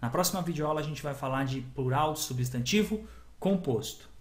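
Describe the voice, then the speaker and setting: A man with a slightly high voice teaches a recorded grammar lesson, explaining patiently and repeating key words. His voice rings in a noticeably echoey room. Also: moderate pace.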